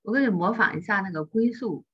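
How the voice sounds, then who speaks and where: A woman's voice: mid-range voice, lively intonation, fast, breathy edge, dull audio. A woman teaching English in an online class, patiently correcting pronunciation over a video call.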